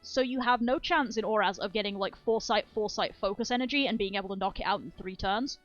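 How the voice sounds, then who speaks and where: A woman's voice: medium pitch, quick pace. Woman streamer, casual game chat, rambling and swearing, muffled lo-fi sound, faint background music. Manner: rambling, enthusiastic, swears freely.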